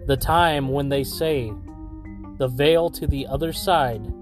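Male horror podcast host, scripted and theatrical, unhurried pacing, music bed. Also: medium pitch.

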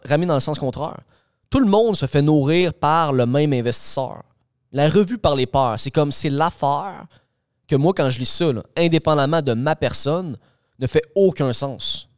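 A man's voice: on the high side, dry recording, clean studio sound. A man with a Québécois accent co-hosting a podcast, arguing his point in a loose, filler-heavy way. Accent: Québécois French. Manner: argumentative, loose, full of fillers like "là" and "ok". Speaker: podcast co-host. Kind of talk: casual podcast discussion.

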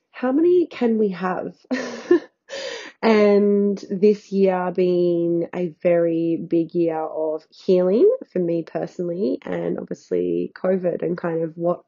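A woman with a stuffy, nasal voice from being sick talks slowly and unhurriedly in a casual solo podcast chat. Her tone is soft and mellow, and she rambles loosely as a healing coach would. The sound is slightly dull, like a lo-fi recording made at home on a bed. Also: lowish voice. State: nasal and congested from illness.

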